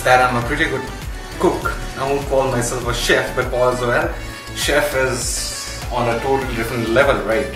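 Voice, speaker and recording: Switching back and forth between Hindi and English, a young adult from India chats in a laid-back home vlog shot in a small room and kitchen. The recording is rough and roomy, and his voice sits in the mid range.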